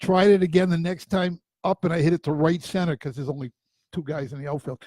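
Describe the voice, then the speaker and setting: A man's voice: fairly high pitch, steady tone, fast, darkish tone, no room sound. A man with a New England accent co-hosting a casual studio chat and telling stories in a plain-spoken way. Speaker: co-host.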